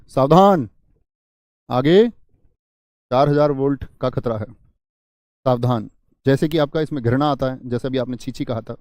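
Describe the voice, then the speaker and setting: Animated Hindi teacher, lively acted examples. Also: male voice, mid-range voice, dry recording. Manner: animated, acts out example exclamations, praises students by name. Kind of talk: live online grammar class.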